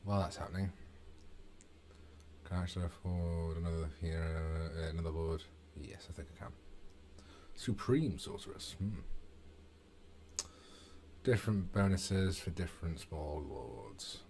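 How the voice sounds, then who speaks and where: Gaming streamer, male, deep voice, casual muttered play-by-play at a desk mic. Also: unhurried, long pauses, warm tone, slight background noise. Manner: muttering, thinking aloud. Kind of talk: casual gameplay commentary.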